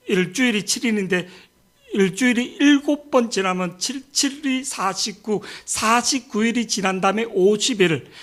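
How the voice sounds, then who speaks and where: A male pastor delivering a sermon with a high voice. He talks in a lively, anecdotal way and keeps asking the congregation for an amen. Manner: lively, calls for "amen" often, anecdotal asides.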